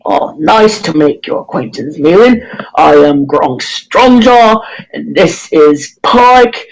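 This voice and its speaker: A dungeon master voicing Grog, a huge, cheerful and simple male goliath warrior who talks in a proud, booming way. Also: expressive, takes it slowly, low-quality recording. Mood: boastful, friendly.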